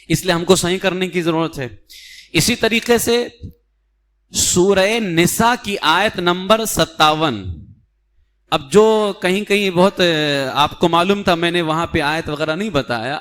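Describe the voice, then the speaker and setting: A man with a high-pitched voice gives a Quran recitation lesson as a mufti in a mosque. He explains patiently. He slows down to sound out individual Arabic letters and words for his listeners. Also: a bit bright. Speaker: mufti teaching a Quran class.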